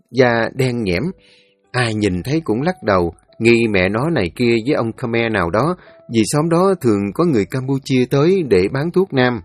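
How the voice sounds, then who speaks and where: A man narrating a folk story in a lively, colloquial, animated way. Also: medium pitch.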